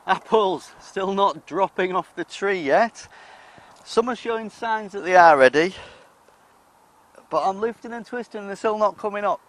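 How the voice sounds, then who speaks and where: This allotment vlogger from the UK speaks in a high, slightly bright voice at a normal speed, with a British English accent. He wanders his garden plot in a casual vlog, chatting away, poking fun at himself and eating while he talks.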